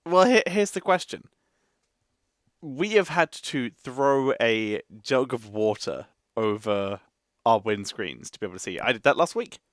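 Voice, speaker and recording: Man from Essex, co-host, chatty explainer, animated pitch, dry close sound. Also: unhurried, no echo. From Essex, England. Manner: explains at length, laughs often. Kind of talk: casual reaction chat.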